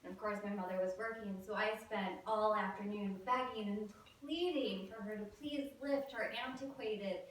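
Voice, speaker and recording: A woman's voice: mid-range voice, normal speed, hardly any pauses, a little hiss or hum. A woman in her thirties telling a comic personal story on stage, with wry, self-mocking timing. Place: theater stage with live audience. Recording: roomy, distant live stage recording.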